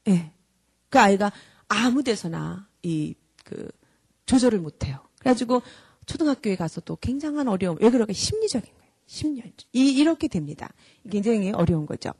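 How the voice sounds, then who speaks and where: A woman's voice: mid-range voice, a little fast, breathy edge, no echo. A woman who heads a character school, giving an earnest, direct lecture to parents and acting out scolding parents as she goes. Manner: acts out scolding parents in lively mimicry.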